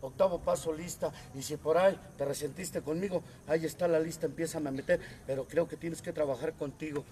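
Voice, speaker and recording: A man with a Mexican accent giving a profane, comedic testimony at a recovery group meeting, moving between low muttering and loud shouted rants. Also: steady tone, fairly quick, hardly any pauses, a little hiss or hum.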